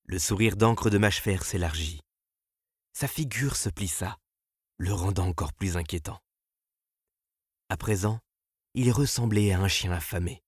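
A man narrating an audiobook in a husky, expressive, dramatic way. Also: low voice, a little slow, long pauses, dry recording, clean studio sound.

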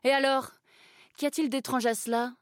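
A woman's voice: sits high, steady tone, normal speed, no room sound, clean studio sound, voice pushed up, close to an everyday voice. A woman reading an audiobook and voicing a cold, commanding aristocratic countess who speaks in a stern, clipped way.

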